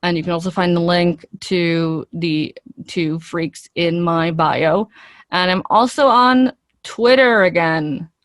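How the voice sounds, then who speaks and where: An actress being interviewed talks slowly in a lower-leaning voice, earnest and chatty, figuring out her answers as she speaks. There's no echo and very little room sound.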